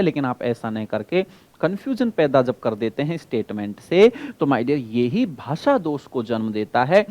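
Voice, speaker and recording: In an exam-prep lecture, a male teacher explains through repetition, quizzes the class, and lingers slowly over key terms. His medium-pitched voice is a little mellow, and the recording has no room sound.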